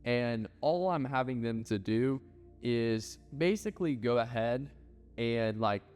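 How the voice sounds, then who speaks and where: A man's voice: mid-range voice, animated, slow, a little mellow, clear, resonant tone. Man, blunt casual talker, filler words, long hall reverb, faint music behind. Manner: loose and blunt, heavy filler words, swears. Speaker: ad agency owner. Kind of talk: casual business advice talk.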